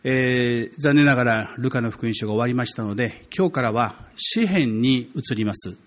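A man's voice: medium pitch, normal speed. A male pastor giving a conversational sermon, light and joking, with many hesitant fillers between phrases.

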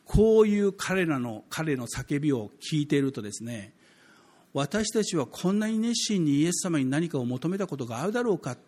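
Husky-voiced man preaching a sermon. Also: fairly high pitch, big pitch swings, moderate pace, darkish tone. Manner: emphatic preaching with swells in volume; conversational asides to the congregation. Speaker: pastor.

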